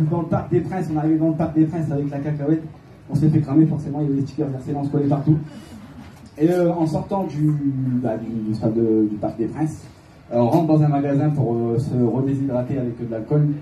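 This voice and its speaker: Young man, northern French accent, stand-up comic, higher voice, echoey club, distant mic, audience noise. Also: fast, warm tone, lo-fi sound. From Calais, northern France. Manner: rambling, hesitant with frequent filler sounds. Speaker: stand-up comedian. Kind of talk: stand-up comedy set. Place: comedy club stage, heard from the audience. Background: audience laughter and room noise.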